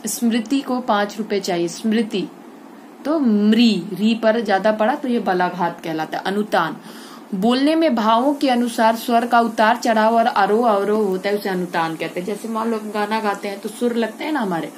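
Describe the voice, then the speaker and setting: A woman's voice: medium pitch, normal speed, slight background noise. A woman teaching a school grammar lesson online, explaining step by step and asking and answering her own questions.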